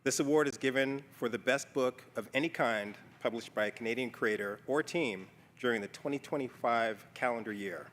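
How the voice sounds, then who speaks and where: A man hosting an awards ceremony in a relaxed emcee style, with hesitant fillers. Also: medium pitch, moderate pace, few pauses. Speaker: host of the ceremony. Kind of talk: casual emcee patter. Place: banquet hall. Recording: reverberant hall with faint noise.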